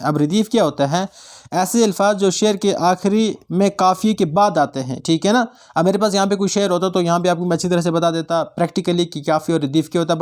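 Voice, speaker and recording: High-voiced man teaching a grammar class. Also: darkish tone. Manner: explains slowly, repeats points, asks the students questions. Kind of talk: exam-prep grammar lesson.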